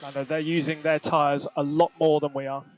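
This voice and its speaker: A race engineer gives a driver terse, matter-of-fact instructions over team radio. His voice is on the high side with little pitch movement, and he speaks a bit fast. The transmission sounds like a muffled team radio channel, with slight background noise.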